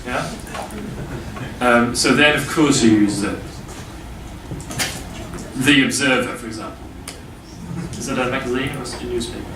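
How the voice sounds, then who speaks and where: A man teaching English grammar to a class, explaining slowly with many pauses and fillers. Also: medium pitch, background noise. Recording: echoey classroom from far off.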